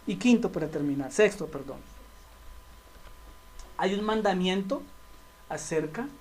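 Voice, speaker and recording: A man's voice: high voice, expressive, unhurried, a little mellow. A male pastor with a Colombian accent, preaching a conversational, humorous sermon full of rhetorical questions.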